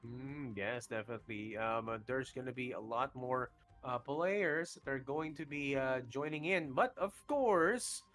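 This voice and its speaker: A man casting a live online game tournament and hosting chat trivia, energetic and laughing often. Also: mid-range voice, a little slow, faint music behind. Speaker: esports caster.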